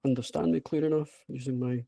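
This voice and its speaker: A man's voice: medium pitch, fairly even intonation, fast, vocal fry, warm tone, dry recording. A man with a broad Scottish accent giving an informal online presentation, hesitant and self-deprecating but enthusiastic. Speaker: presenter, app creator. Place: remote online video call with screen share.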